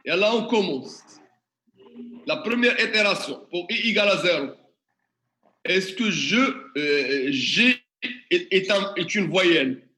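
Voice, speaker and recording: A man's voice: high voice, animated, slow, long pauses, bright, forceful tone. Male teacher, echoey classroom. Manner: questioning the class, working through examples step by step. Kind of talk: classroom tutorial lesson.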